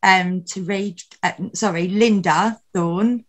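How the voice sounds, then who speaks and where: A woman's voice: mid-range voice, fairly even intonation, slow pace, noisy background. A woman reading tenderly at an online open mic, hesitant and modest in manner. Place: online video call.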